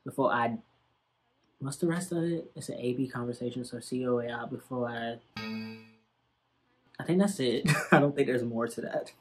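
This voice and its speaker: A man's voice: mid-range voice, moderate pace, long pauses, soft background music. A young man giving casual, slangy and sassy commentary as he reacts to an old TV episode.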